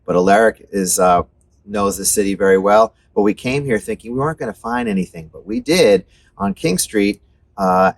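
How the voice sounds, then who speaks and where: A man's voice: fairly low pitch, creaky. A middle-aged man hosting a casual music chat, rambling and enthusiastic with lots of fillers, on a street at night. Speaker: show host.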